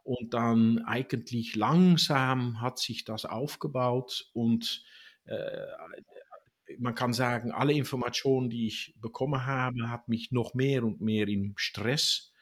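Interview guest, man in his sixties, Dutch accent, halting and searching for words. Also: mid-range voice, steady tone. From Netherlands. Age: 60s. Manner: halting, many fillers and restarts. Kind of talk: interview answers.

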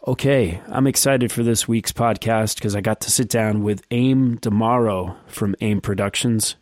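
Relaxed man hosting a podcast. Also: lowish voice, a little slow, dry recording, studio quality. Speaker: podcast host. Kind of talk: casual podcast chat.

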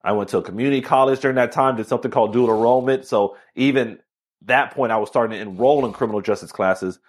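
An energetic man in his thirties from Miami tells his story as a podcast guest. He talks fast and with animated enthusiasm, in a mid-range voice. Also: medium pitch. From Miami, Florida. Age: 30s. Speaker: guest, author and speaker. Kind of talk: casual interview storytelling.

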